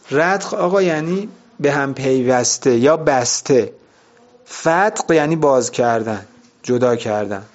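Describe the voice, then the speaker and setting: Man teaching word meanings, muffled audio. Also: mid-range voice. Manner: explains word meanings, asks and answers his own questions. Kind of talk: vocabulary lesson.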